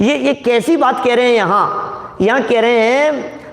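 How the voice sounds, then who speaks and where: High-voiced man teaching in a reverberant hall. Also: measured pace, vocal fry, a bit bright. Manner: explains step by step and questions the listeners. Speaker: scripture teacher. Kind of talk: religious discourse to an audience.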